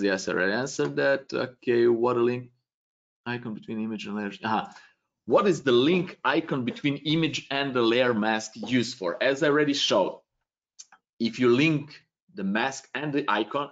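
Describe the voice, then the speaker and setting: A man in his thirties with a Serbian accent, thinking aloud in loose non-native phrasing as he answers questions in a live webcam tutorial from a small home room. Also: medium pitch. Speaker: webinar presenter answering questions. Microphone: webcam video call. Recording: dull lo-fi stream audio.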